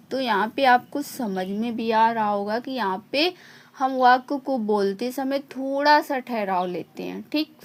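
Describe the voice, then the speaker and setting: A woman teaching an online lesson at a slow, unhurried pace, her voice sitting a little above the usual. She goes over each point more than once and keeps checking in with a short "okay". The delivery stays patient and methodical throughout. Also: a little high.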